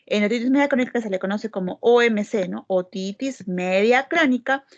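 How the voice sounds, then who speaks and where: Brief: woman lecturer, highish voice, patient explainer, dull lo-fi recording. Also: moderate pace. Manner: explanatory, asks frequent tag questions. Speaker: medical lecturer. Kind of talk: classroom lecture.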